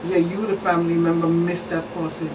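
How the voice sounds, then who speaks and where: Brisk and level in tone, the woman's lowish voice is set against a crowd in the background. She's a police officer and expert guest on a talk show with a Virgin Islands Caribbean accent, explaining plainly and with emphatic repetition, captured by a distant mic in a clearly noisy, humming room.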